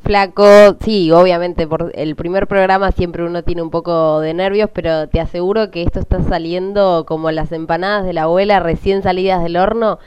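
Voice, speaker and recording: A man's voice: high-pitched, fairly even intonation, moderate pace, hardly any pauses, darkish tone, clean tone. A man co-hosting a radio show, speaking thoughtfully and articulately. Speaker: radio co-host. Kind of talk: casual radio chat.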